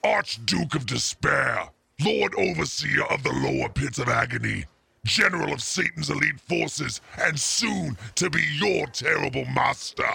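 A man voicing a boastful demon who has possessed a young girl, making grandiose, menacing proclamations in a raspy voice. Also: fairly high pitch, animated, unhurried, bright, forceful tone, dry recording, full character voice. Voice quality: gravelly and raspy.

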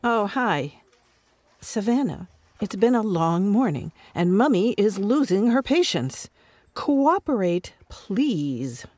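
A woman's voice: medium pitch, big pitch swings, slow pace, a little mellow, no echo. A woman playing a prim, weary mother who coaxes her difficult daughter with patient, careful talk.

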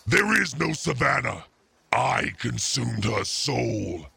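Man playing a raspy demon lord, gravelly, bright and sharp edged, dry close sound, grandiose menace. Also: medium pitch, big pitch swings, slow, no room sound, heavily acted. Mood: menacing. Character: boastful demon possessing a young girl.

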